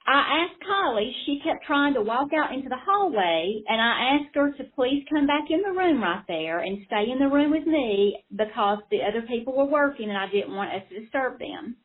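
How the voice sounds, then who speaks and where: High, husky woman on a phone line. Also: expressive, moderate pace, hardly any pauses. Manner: insistent, explaining at length. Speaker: caseworker. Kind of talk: phone conversation.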